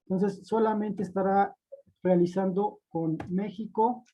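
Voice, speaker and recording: A man's voice: high voice, fairly even intonation, a little slow, dark tone, a little hiss or hum. A man narrating a screen-recorded spreadsheet tutorial, methodical and step-by-step, often repeating points. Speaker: spreadsheet instructor. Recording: dull lo-fi recording.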